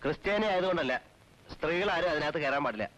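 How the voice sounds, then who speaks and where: A man's voice: a little high, lively intonation, fast talker, fairly bright tone, rough recording. An actor playing a devout middle-aged man who heads a traditional household, speaking in a stern, formal way that turns earnest. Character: devout middle-aged man, strict but kind-hearted. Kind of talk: 1980s film drama.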